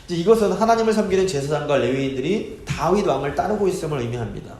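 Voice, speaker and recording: Pastor preaching in a very echoey hall. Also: male voice, a little high, fast talker, slight background noise. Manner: expressive, rhetorical questions to the congregation. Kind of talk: Bible study sermon. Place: church sanctuary.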